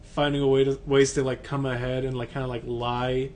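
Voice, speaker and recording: A man's voice: mid-range voice, little pitch movement, brisk. A man co-hosting a podcast in casual chat, rambling and filling his talk with fillers. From United States. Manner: rambling, heavy use of filler words. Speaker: podcast co-host.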